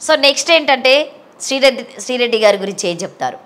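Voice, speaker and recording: A woman interviewer asking prodding, quick questions in a casual chat. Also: fairly high pitch, animated, a bit bright. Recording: noisy background ambience.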